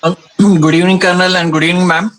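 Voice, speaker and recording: A man's voice: high voice, flat delivery, rapid-fire, a bit bright. A man taking part in a webinar, speaking politely and hesitantly with many fillers. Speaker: webinar participant. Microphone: video call.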